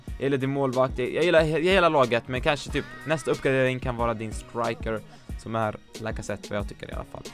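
Male gaming creator, casual blunt team-review chatter, mid-pitched, faint music bed behind. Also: a bit bright. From Sweden. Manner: blunt, joking, swears often, mixes English slang. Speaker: gaming YouTuber reviewing viewers' teams. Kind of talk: casual commentary.

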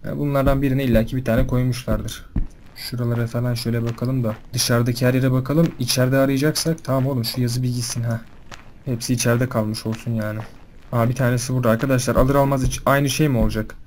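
A young man giving casual commentary on a horror game, chatting to his viewers and panicking loudly when scared. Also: mid-range voice, steady tone, quick pace, slight background noise. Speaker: gaming video host.

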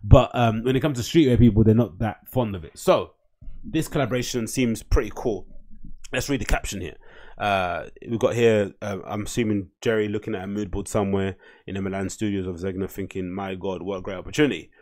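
On the low side and a bit mellow, this man talks a little fast. As host of a casual solo podcast, he rambles from a small room at home into a desk mic on a boom arm, chatting away and reading captions aloud in mock voices.

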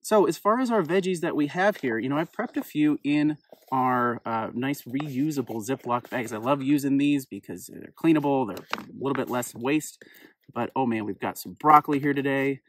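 A man's voice: mid-range voice, normal speed, a bit bright, a little hiss or hum, poor audio. Upbeat man cooking outdoors. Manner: upbeat, chatty, easygoing. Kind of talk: casual cooking demonstration. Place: outdoors on a rock in open grassland.

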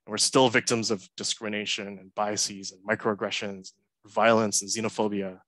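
Guy from hong kong on a headset video call, lowish flat voice, dry sound. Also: no room sound, poor audio. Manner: earnest, measured, frequent uh fillers. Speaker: conference speaker. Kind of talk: prepared talk. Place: home room, indoors. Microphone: headset mic on a video call.

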